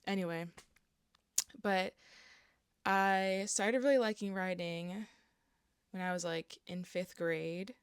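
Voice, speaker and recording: A young woman vlogger, hoarse and raspy from an allergic reaction, talks casually to camera in a lowish, fairly even voice with no echo. She takes it slowly with long pauses, staying candid and peppering her speech with fillers and swearing.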